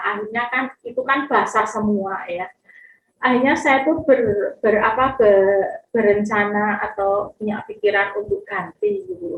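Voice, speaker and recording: A woman's voice: on the high side, fairly bright tone, reverberant, poor audio. A middle-aged woman telling a personal testimony with emotion, often addressing listeners directly. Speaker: testimony speaker.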